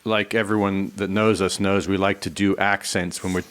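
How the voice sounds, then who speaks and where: A man's voice: low voice, level tone, normal speed, fairly bright tone. A man co-hosting a casual studio podcast, musing through half-serious questions. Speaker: podcast co-host.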